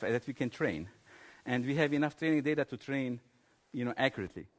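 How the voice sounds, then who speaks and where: Man giving a technical talk. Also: fairly high pitch. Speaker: researcher presenting at a conference. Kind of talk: technical conference presentation.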